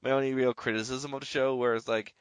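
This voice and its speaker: Rambling Irish podcast host, dry sound. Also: male voice, medium pitch, little pitch movement, fast talker, clear, resonant tone, no echo. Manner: rambling, leans heavily on "you know". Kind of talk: casual podcast chat.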